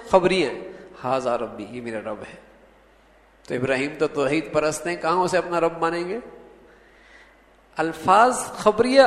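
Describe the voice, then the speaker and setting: Male religious lecturer, slightly high voice, demonstrative delivery, roomy reverberant recording. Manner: acts out tones of voice to illustrate meaning. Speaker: religious scholar. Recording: echoey hall with long reverb.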